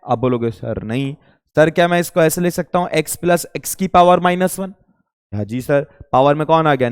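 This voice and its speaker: Male coaching teacher, casual question-and-answer lecture style, clear resonant voice, reverberant classroom. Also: a little high, a little mellow. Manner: asks rhetorical questions and answers them himself; informal, addresses students directly. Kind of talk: exam-prep lecture. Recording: reverberant room.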